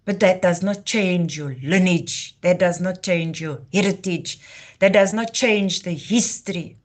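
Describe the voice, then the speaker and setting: Speaking a little slowly in a voice on the low side, a woman from Namibia hosts a live stream. Afrikaans is her first language, and her heritage talk is fervent and declamatory.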